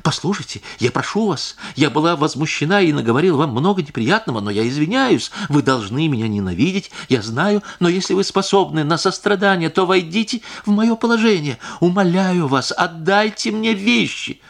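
A man's voice: a little high, expressive, moderate pace, voice pushed up. A male audiobook reader voicing a distraught, indignant noblewoman who pleads and accuses by turns. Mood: pleading. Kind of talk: audiobook character reading.

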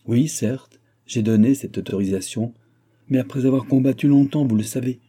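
A man's voice: medium pitch, moderate pace, dark tone, slightly rough. A man reading the lines of an aging proud king and fond father in an audiobook, pleading and reproachful by turns.

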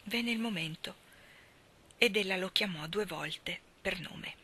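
Bright-voiced woman reading a story aloud. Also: medium pitch, husky. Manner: measured expressive narration, dropping to whispers. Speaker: reader of stories. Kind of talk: literary reading.

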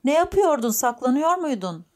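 A woman's voice: high-pitched, very animated, normal speed, darkish tone, voice pushed up. A woman doing an easygoing young man. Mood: friendly. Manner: friendly, coaxing.

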